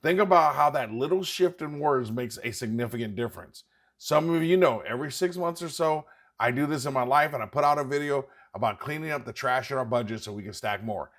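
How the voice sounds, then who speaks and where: A man's voice: medium pitch, fairly quick, fairly bright tone. A man hosting an investing channel, talking straight to his viewers in an emphatic, urging way and repeating points for stress. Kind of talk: scripted direct-to-camera commentary.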